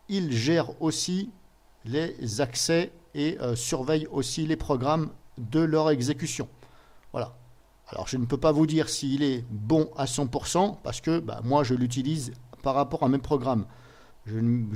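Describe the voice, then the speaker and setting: A man narrating a screen-recorded software tutorial in a casual way, thinking aloud with frequent pauses and little filler words. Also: medium pitch. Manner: casual, fills pauses with "voilà" and "hop"; thinks aloud, restarts and hesitates.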